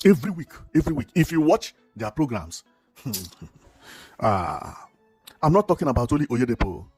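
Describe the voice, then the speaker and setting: A man's voice: mid-range voice, very animated, normal speed, a little mellow, breathy edge, faint music behind. A man narrating a building tour, exclaiming and repeating himself with enthusiasm. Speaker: vlogger.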